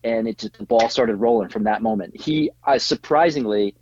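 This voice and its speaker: A middle-aged tattoo artist, appearing as a guest in a casual interview, tells an animated story, laughing often and acting out what people said. His voice is fairly low and slightly rough at a normal speed, and the audio sounds dull.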